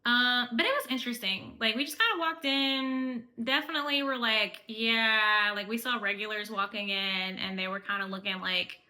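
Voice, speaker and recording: Chatty woman travel vlogger with a crisp, bright voice, casual recap. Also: on the high side, normal speed, few pauses. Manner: chatty, fills speech with "like".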